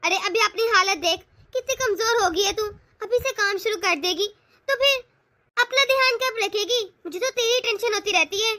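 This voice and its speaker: A protective mother in a cartoon, voiced by a woman. She coaxes and comforts her daughter, and the voice is very high. Its tone is bright. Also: normal speed, dry recording. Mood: fussing. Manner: warm, coaxing, motherly. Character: caring, protective mother of the bride. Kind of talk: cartoon voice acting.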